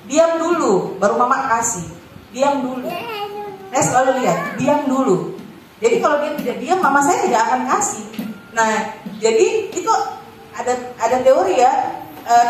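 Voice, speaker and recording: Woman speaking in an echoey hall. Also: high-pitched. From Batak. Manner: conversational, acts out quoted mother. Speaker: workshop speaker for parents. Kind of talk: informal workshop talk. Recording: echoey room, far from mic, noisy.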